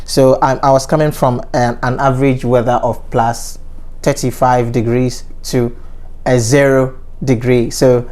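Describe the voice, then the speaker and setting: Mellow-voiced man from Ghana hosting. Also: mid-range voice, flat delivery. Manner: measured, with frequent fillers and restarts. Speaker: interview host. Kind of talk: casual conversational interview.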